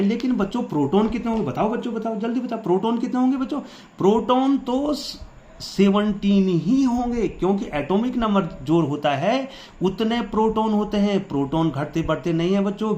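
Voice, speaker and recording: A man's voice: high-pitched, darkish tone. A male science teacher, coaxing pupils through a lesson with constant questions. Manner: coaxing, quizzes the class with repeated questions. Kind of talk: chalk-and-talk lesson to school students. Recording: echoey room, faint background noise.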